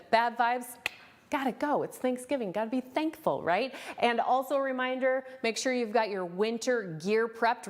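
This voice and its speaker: A middle-aged American woman presenting an ad-libbed weather forecast with informal, folksy asides. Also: medium pitch. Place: TV studio.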